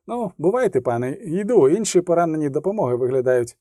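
A man voicing a talkative army field medic who speaks slowly and soothingly with deference. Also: fairly high pitch, expressive, dark tone, no room sound, clean studio sound. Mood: chatty, reassuring. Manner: chatty, deferential, slow and soothing.

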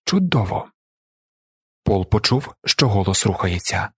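A man narrating an audiobook in a measured, even storytelling manner. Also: medium pitch, breathy edge, no room sound, clean studio sound. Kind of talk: scripted narration.

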